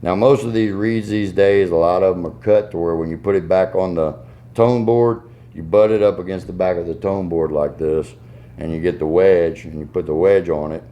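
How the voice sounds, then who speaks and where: A man's voice: low voice, fairly even intonation, moderate pace, dark tone, muffled recording. A man with a Southern US accent giving a casual hands-on tutorial in a folksy, step-by-step way. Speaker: goose call maker giving a tuning demonstration.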